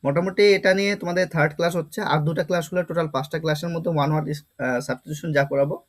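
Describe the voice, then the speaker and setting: Guy teaching vocab class, fairly high voice, keeps repeating stuff and asking questions. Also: fairly even intonation, rapid-fire. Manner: explains step by step, repeats words and asks rhetorical questions. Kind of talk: vocabulary lesson.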